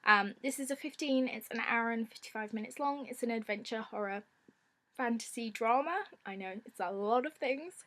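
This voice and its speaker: A woman with a slightly high, croaky voice talks to her viewers as a film vlogger. Her delivery is casual, chatty and informal, as if talking to friends. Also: normal speed, a bit bright. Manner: informal, giggly. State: croaky from a lingering ailment. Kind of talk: casual chatty presenting to camera.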